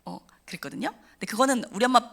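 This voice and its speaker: A woman telling an emotional personal story at a church service, animated and acting out the voices of the people in it. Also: fairly high pitch, very fast, creaky. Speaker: testimony speaker at a church service. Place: church sanctuary.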